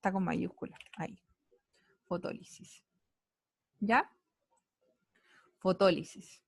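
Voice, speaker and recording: A woman's voice: lowish voice, creaky, husky. Chilean lady teaching science online over a computer mic, keeps checking in and cheering the kids on. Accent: Chilean Spanish. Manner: checks in often with quick tags, upbeat praise. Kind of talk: online class.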